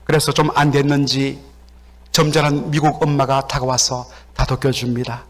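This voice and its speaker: A man's voice: mid-range voice, moderate pace. A Korean man preaching a sermon as pastor in a church sanctuary, telling stories and acting out the voices of the people in them. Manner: animated storytelling, acts out quoted voices. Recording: long hall reverb.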